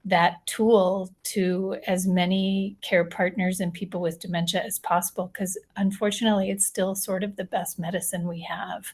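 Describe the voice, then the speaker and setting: Earnest woman expert on a panel. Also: fairly low pitch. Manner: earnest, reflective. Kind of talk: panel answer.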